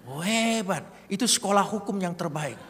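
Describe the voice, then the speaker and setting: A man preaching a sermon, telling a story in an animated way that swings between hushed asides and loud bursts. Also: high-pitched, moderate pace. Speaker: pastor. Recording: reverberant hall with faint noise.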